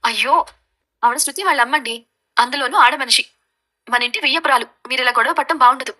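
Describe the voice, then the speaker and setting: An actress playing a proud young daughter-in-law who answers back quickly and defiantly in a TV serial. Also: female voice, high voice, pushed and bright. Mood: pleading. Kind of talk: TV serial acting.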